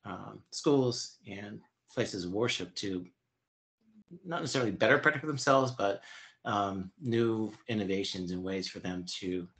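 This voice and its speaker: A man in his fifties answering interview questions in a halting, explanatory way. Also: fairly low pitch, a bit bright. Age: 50s. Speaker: interview guest.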